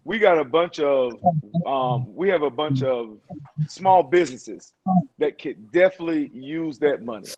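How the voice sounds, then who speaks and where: A man's voice: on the high side, lively intonation, measured pace, a little mellow, muffled recording. A man on a virtual panel speaking bluntly and with heat. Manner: blunt and fired up. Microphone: video call.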